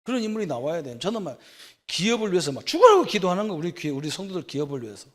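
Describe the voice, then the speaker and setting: A man's voice: high voice, very animated, very fast. A middle-aged man preaching a sermon as pastor, in a conversational way, with rhetorical questions and frequent checks for agreement. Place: church sanctuary.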